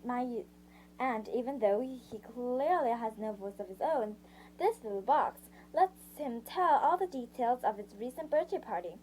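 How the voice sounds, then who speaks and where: A woman's voice: a little high, animated, darkish tone, slight background noise, poor audio. A woman reading a novel aloud in the first person, stumbling, restarting lines and stopping to sum up parts in her own words. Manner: halting, frequent restarts and self-corrections. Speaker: audiobook reader. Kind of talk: amateur read-aloud narration.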